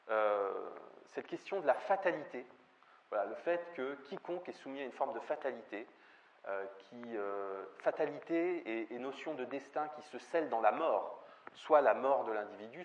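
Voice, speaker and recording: A man giving a spoken film lecture, often hesitating with fillers and restarts. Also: medium pitch. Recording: dull lo-fi recording with faint ambient noise.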